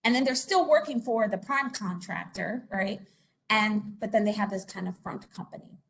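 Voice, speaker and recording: Gravelly and medium in pitch, her voice moves at normal speed through a conversational informational presentation in a meeting or conference room. She is a Puerto Rican investigator who relies on many fillers and tag questions. The recording is low quality.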